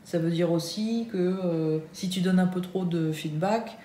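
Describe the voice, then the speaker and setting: A hesitant French woman who works for Nike in the US chats casually for a vlog in a lowish, warm voice at a measured pace, with many fillers and restarts. The room is echoey, with a faint hum in the background.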